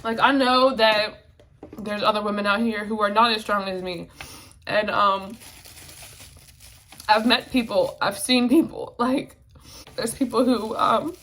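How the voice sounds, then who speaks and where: A woman's voice: mid-range voice, fairly even intonation, unhurried, long pauses, a bit bright, slight background noise. A woman in her twenties talking candidly in a casual vlog, with lots of fillers and swearing, emotional and near tears. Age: 20s. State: emotional, tearful at times. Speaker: vlogger.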